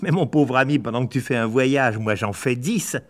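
A man putting on a bossy female blackbird from a storybook, sharp and nagging, her voice pitched well above his own. She barks orders and scolds without pause. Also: big pitch swings.

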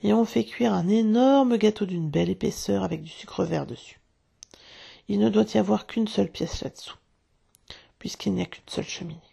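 A woman voicing a cruel, gloating pirate captain who speaks through clenched teeth, in a husky, gravelly voice. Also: mid-range voice, normal speed, mellow. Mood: scheming.

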